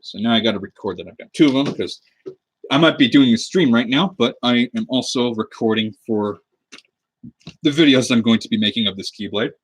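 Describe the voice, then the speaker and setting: A cosplay prop maker in his twenties, from the American Pacific Northwest, streams live from his lamp-lit home desk and chats easily as he builds. His medium-pitched, slightly rough voice moves fairly quickly, and the webcam mic recording has no echo.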